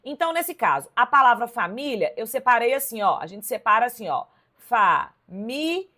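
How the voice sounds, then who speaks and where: A Brazilian woman with a fairly high voice teaches a live online class. She works through exam questions in a lively, emphatic way and keeps turning to her viewers to check that they follow. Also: fairly quick. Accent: Brazilian Portuguese. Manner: lively, emphatic, addresses viewers directly with "ó" and "tá vendo?". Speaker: Portuguese teacher.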